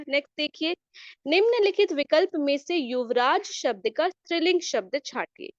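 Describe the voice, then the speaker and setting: A woman with a bright, high voice explains exam answers one by one like a patient teacher. She checks in with her listeners often. The recording is close and dry with a slightly dull, muffled tone. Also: dry recording. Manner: explanatory, often adds "theek hai" checks. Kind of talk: exam answer key lesson.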